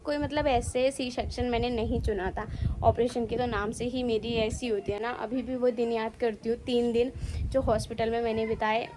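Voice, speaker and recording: A woman's voice: a little high, steady tone, normal speed, noisy background. A young woman vlogging and tearfully telling her own story, often repeating herself. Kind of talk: emotional personal vlog.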